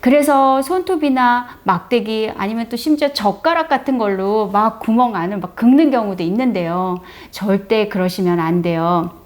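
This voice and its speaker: A woman's voice: on the high side, normal speed. A middle-aged woman chatting through a step-by-step home demonstration, friendly and explanatory, presenting for a brace clinic. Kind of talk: casual how-to demonstration.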